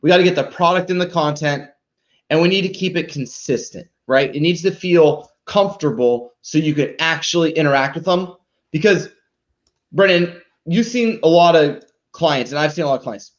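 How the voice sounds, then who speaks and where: He's the host of a live marketing show, a man with a fairly high, expressive voice at normal speed. His informal, emphatic presenting and critiquing often ends in a tag question seeking agreement, captured in dull lo-fi sound.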